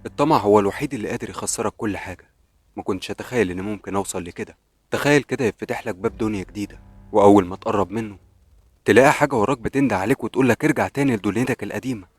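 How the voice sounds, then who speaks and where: A man with an Egyptian accent tells a scripted horror story in the first person, brooding and dramatic. His voice is low and husky and rushes along very fast. The sound is close and dry. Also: faint music behind. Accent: Egyptian Arabic.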